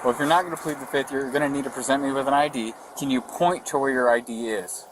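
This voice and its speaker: A police officer conducting a roadside traffic stop gives firm, procedural directions next to a vehicle outdoors. His mid-range voice is fast with fairly even intonation, and the body-camera recording picks up plenty of roadside noise.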